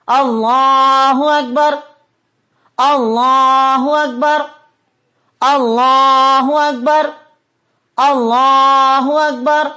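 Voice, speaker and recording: Male religious teacher, methodical, slow repeated dictation, quiz questions to listeners. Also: very high-pitched, a bit bright. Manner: methodical, repeats points and references slowly for note-taking. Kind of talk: religious instruction lesson.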